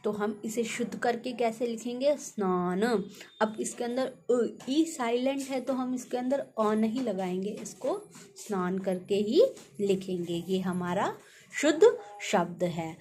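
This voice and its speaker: Slow, deliberate woman teacher. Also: fairly high pitch, expressive, darkish tone. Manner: slow, deliberate, sounding out letters one by one; asks the class questions. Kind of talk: classroom lesson on spelling.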